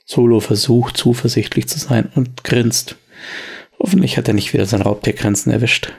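Gravelly, husky male game master. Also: medium pitch, fairly even intonation, normal speed. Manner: descriptive, tense storytelling. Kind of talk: narrating a tabletop role-playing game.

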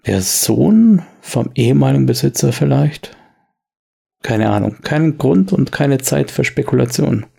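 A man's voice: mid-range voice, expressive, a little slow, vocal fry, warm tone, breathy edge. A man narrating a tabletop role-playing game as game master, telling the scene in tense, descriptive storytelling.

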